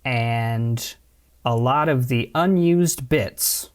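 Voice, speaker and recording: A man at a middle pitch co-hosts a podcast. He chats easily and offers fun facts in an unhurried, conversational way. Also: clear, resonant tone. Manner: relaxed, sharing trivia. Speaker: podcast co-host. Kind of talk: casual chat.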